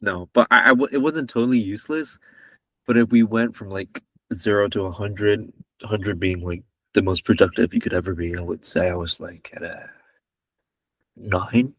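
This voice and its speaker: A man's voice: on the low side, steady tone, normal speed, fairly bright tone, no echo, recorded from a distance. Rambling young man from Malaysia. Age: 20s. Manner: rambling, self-correcting, joking. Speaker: podcast guest. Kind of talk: casual chat.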